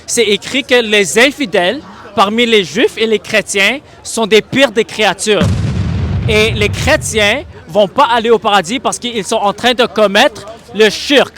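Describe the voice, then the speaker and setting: A man with a strikingly high voice argues on a busy city street. He is insistent and pressing, hammering his point and repeating his friendly address again and again. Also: unhurried, bright, forceful tone. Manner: insistent, keeps repeating "mon ami". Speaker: street evangelist. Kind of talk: street debate.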